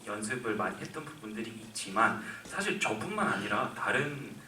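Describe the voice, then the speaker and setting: Recorded from a distance in an echoey cinema, with a little hiss or hum, a young man in his twenties fields a question at a film Q&A. His voice is on the low side, very animated, a little fast and sharp, and as an actor he answers earnestly, thinking aloud and often restarting.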